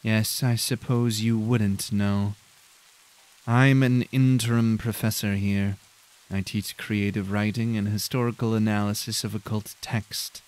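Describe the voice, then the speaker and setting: A condescending professor , put on by a man, drones in a flat, nasal monotone, each word drawn out coldly. The tone stays smooth and clean, never rising or falling much. He sounds bored by the tour he is giving. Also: on the low side, natural voice. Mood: smug. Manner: cold, slow and drawn-out.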